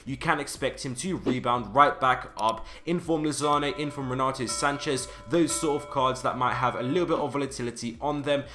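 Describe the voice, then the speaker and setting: A man's voice: mid-range voice, pushed and bright. A young man giving casual market commentary as a game trading video host, leaning on an emphatic "do" in his verbs.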